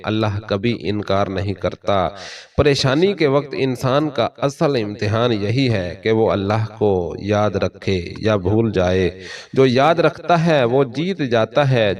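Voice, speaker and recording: A man with a Pakistani Urdu accent giving a solemn, measured motivational sermon in a steady preaching cadence. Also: on the low side, distant mic. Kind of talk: scripted motivational sermon narration.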